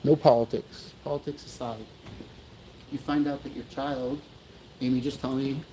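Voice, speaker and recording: A man's voice: mid-range voice, steady tone, normal speed, mellow, slight background noise, rough recording. A man livestreaming at an outdoor memorial, talking earnestly to viewers in a rambling way and often apologizing. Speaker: livestream host at a memorial event. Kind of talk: emotional livestream talk.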